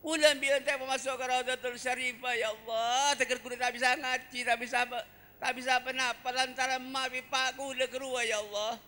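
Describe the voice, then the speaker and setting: A man voicing a young child who pleads tearfully to God in high, plaintive wails. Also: little pitch movement, moderate pace, bright, forceful tone, big-room sound. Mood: pleading. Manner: high plaintive wailing pleas.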